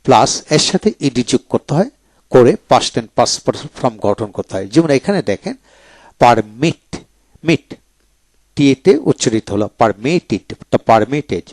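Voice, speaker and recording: A male teacher works through verb forms, saying each one twice in a steady drilling rhythm. His voice sits at an ordinary middle pitch. The sound is dry and close, with no room around it. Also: normal speed, no room sound. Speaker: English grammar teacher. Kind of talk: slow explanatory lesson.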